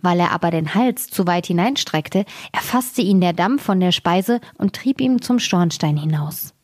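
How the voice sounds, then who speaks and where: Lady reading a fairy tale, lowish voice, dry close mic. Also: lively intonation, measured pace, a little mellow, dry recording. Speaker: storyteller.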